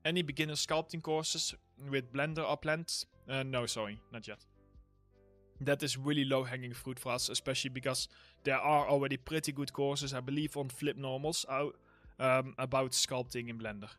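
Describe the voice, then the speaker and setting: A man with a Dutch accent chats through viewer questions on a relaxed livestream, his voice sitting at an everyday middle pitch. He rambles and restarts easily, his throat starting to sound a bit worn. Faint music plays softly behind him. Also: normal speed. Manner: reads chat questions aloud and answers loosely, with fillers and laughs. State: throat getting sore from talking. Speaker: livestream host, environment art tutor. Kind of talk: casual Q&A livestream.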